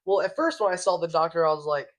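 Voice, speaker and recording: A man's voice: fairly high pitch, a bit bright. A man co-hosting a podcast, rambling through a comic book plot and stumbling over words as he reads aloud. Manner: rambling, halting, stumbles when reading aloud. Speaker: podcast co-host. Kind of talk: casual comic book review chat.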